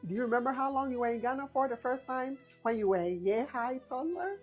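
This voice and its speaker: A woman's voice: high voice, fast talker, soft background music. A woman interviewing casually, encouraging and often rephrasing her questions as she goes.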